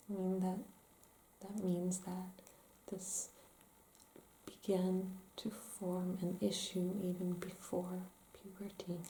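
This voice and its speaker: A woman playing a calm, gentle therapist in an ASMR role-play, asking careful, hesitant questions in soft-spoken ASMR style. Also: on the low side. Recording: roomy echo, faint background noise.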